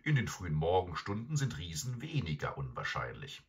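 A man narrating a fairy tale audiobook in an expressive, dramatic way. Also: low-pitched, normal speed, husky. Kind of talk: scripted storybook narration.

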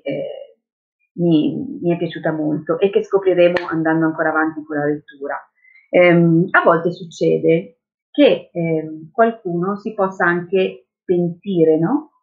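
A woman hosting a casual book reading chat, playful and animated, with hesitant fillers. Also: deep voice. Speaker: book reader and reviewer. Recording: tinny phone-like line.

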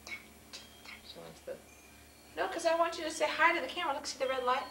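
A woman's voice: sits high, lively intonation, a little fast, vocal fry, pushed and bright, roomy sound, a little hiss or hum. A woman coaxing and playfully questioning her toddler during a family home video, heard on old camcorder audio. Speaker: mother filming with her children.

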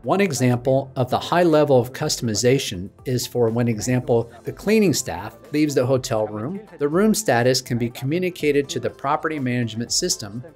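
A man's voice: mid-range voice, lively intonation, moderate pace, few pauses, a little mellow, soft background music. A man in his thirties presenting a scripted product keynote with a polished, promotional delivery. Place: studio stage with dark backdrop.

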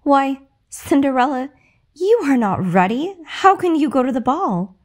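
Woman playing a wicked stepmother, sneering, mocking, slow and high-ish, storybook. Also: sing-song. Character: cruel mocking stepmother, middle-aged woman.

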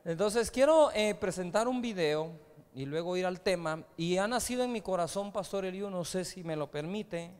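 High-voiced preacher in a reverberant hall. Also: male voice, expressive, normal speed, a little mellow, clear, resonant tone. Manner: storytelling preacher, conversational with rhetorical asides. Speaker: pastor. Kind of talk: sermon. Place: large church hall. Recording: live church hall reverb.

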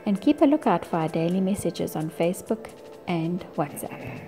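A woman's voice: on the low side, sing-song, moderate pace, creaky, music in the background. A woman with a South African accent reading scripted church announcements.

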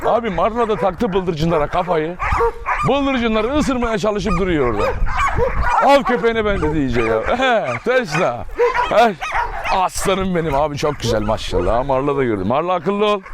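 A man's voice: high voice, very animated, normal speed. A man running a dog farm, chatting casually to his viewers and fondly calling to his dogs outdoors. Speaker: dog farm owner vlogger. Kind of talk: casual vlog talk to viewers. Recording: noisy outdoor recording with barking dogs. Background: dogs barking.

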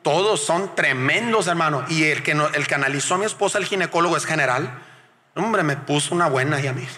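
A middle-aged man preaches a testimony sermon in a high, sharply bright voice, heard with a long hall reverb. He keeps calling his listeners "brother" and swings from hushed storytelling to shouted exhortation. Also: brisk, a little hiss or hum. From Mexico. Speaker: guest evangelist.

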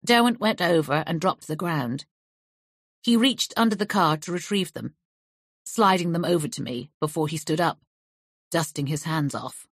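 A woman's voice: sits low, lively intonation, normal speed, dry recording, clean studio sound. A woman narrating a crime novel audiobook, shifting her voice lightly for the characters' lines. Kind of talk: scripted narration.

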